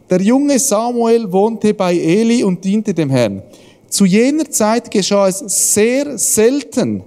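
A man's voice: high voice, warm tone, long reverb tail. A man giving a casual devotional talk as a pastor, telling everyday stories with frequent chuckles. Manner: storytelling, chuckling often, acts out voices.

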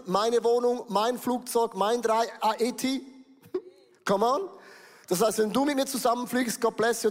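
High-voiced man preaching in a hall. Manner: lively preaching with rhetorical questions. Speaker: pastor. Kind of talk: sermon. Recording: reverberant hall.

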